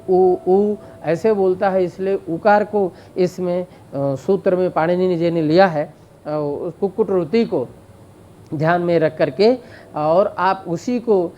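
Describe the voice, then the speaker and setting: A man teaching Sanskrit grammar in a slow explanatory lecture, drawing out vowel sounds to demonstrate them, with frequent fillers. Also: sits high, dark tone, highs cut off, slight background noise. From India.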